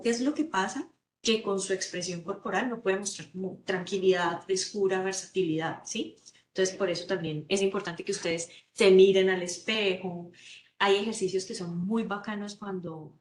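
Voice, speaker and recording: Lady career counselor giving a class, keeps checking in w students, echoey room. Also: mid-range voice. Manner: warm coaching tone, many rhetorical "¿sí?" check-ins. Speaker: career counselor teaching a workshop. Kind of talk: virtual class lecture.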